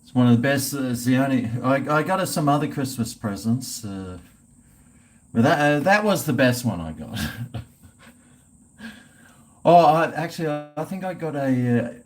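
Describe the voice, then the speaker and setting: This man, speaking with an Australian accent, chats with viewers on a livestream in a rambling, sweary, blokey style. His mid-range voice is very animated, at normal speed, with frequent pauses.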